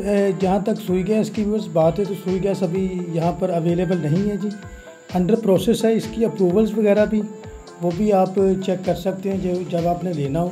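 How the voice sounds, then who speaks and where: High-voiced man on a walking property tour. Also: mellow. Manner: repetitive, reels off prices, frequent "viewers" and "ji". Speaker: property dealer giving a site tour. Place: outdoors in a housing development.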